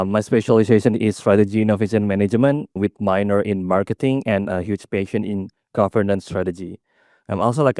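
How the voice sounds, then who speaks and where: A young adult student from Indonesia presents at a conference in a fairly low, slightly mellow voice. He speaks haltingly, restarting, correcting himself and using fillers. The recording is dry and close, without any room echo.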